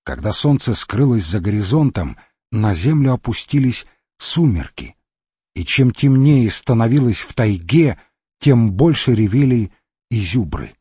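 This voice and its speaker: A man narrates an expedition memoir in a measured, steady audiobook reading. His voice is husky and dark. The recording is dry and dull, with a lo-fi edge. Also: mid-range voice, no echo. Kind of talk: scripted narration of an adventure memoir.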